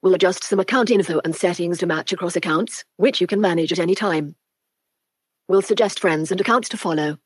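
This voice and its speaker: Coming through a Bluetooth speaker, a synthetic female screen reader reads on-screen buttons and labels aloud in a lowish, husky voice at a brisk pace. The recording is dry and of studio quality.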